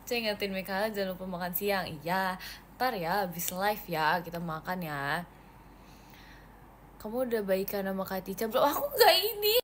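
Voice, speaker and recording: A young woman chats playfully on a phone livestream, reading out fan comments and giggling between replies. Her voice sits at a middle pitch. A faint hiss hangs behind her. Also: moderate pace, long pauses. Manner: chatty, playful, giggly, reads comments aloud. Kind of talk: casual livestream chat.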